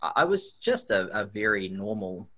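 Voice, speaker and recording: A nutrition researcher with a New Zealand accent chats casually as a podcast guest, answering in an easygoing, reflective way and repeating some words. His voice sits on the low side with big pitch swings and a fairly bright tone, at a moderate pace.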